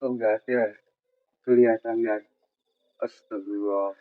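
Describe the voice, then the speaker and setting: A man, filming himself camping alone outdoors at night, narrating in a tense hush and muttering prayers. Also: lowish voice, flat delivery, a little slow, no echo, phone-quality sound. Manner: tense, repeats short urgent calls to listen; muttering prayers under breath. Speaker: solo camping vlogger. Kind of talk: hushed on-the-spot night vlog narration.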